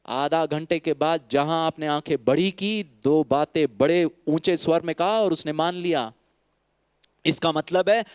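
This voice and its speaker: A man with an Indian accent gives a spiritual talk to an audience, slipping between Hindi and English. His voice is smooth, resonant and fairly high for a man, recorded close and dry. He teases with rhetorical questions and briefly acts out the people he quotes. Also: dry recording. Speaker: spiritual speaker.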